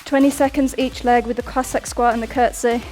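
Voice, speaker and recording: In a slightly high, darkish voice, a young woman delivers upbeat workout coaching over music, speaking fairly quickly with fairly even intonation. She counts down reps as a fitness instructor and occasionally runs out of breath.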